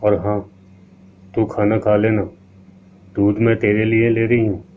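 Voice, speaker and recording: A man's voice: lowish voice, completely flat delivery, measured pace, lightly acted. A man voicing a hurt, proud wife of the house who speaks bitterly and sharply. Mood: weary. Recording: tinny lo-fi line with faint hiss.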